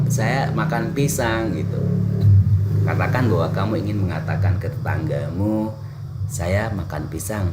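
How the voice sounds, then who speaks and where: A man's voice: low voice, heavy background noise. A male English teacher with an Indonesian accent, giving a bilingual lesson that moves between Indonesian and English with playful examples. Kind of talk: bilingual classroom lesson over slides.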